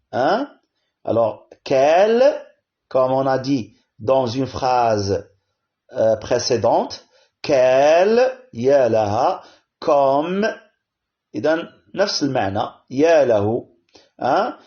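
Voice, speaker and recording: A man's voice: mid-range voice, lively intonation. A man, teaching a grammar lesson to primary pupils, explaining patiently and often checking in with "hein?". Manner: switches between French and Arabic, explaining slowly with frequent "hein?" and "bien". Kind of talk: classroom-style grammar lesson. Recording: dull lo-fi audio.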